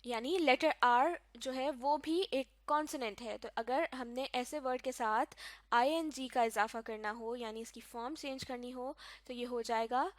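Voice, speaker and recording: A woman's voice: fairly high pitch, measured pace, no echo. A woman teaching English grammar in a recorded lecture, explaining patiently step by step and spelling words out letter by letter. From Pakistan.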